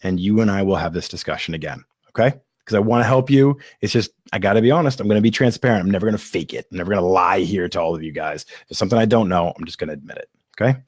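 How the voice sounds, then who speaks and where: In a live-streamed casual Q&A, a male podcast host fields audience questions candidly, rambling and poking fun at himself, with occasional coughs and hiccups. His low voice comes rapid-fire, in clean studio sound without echo.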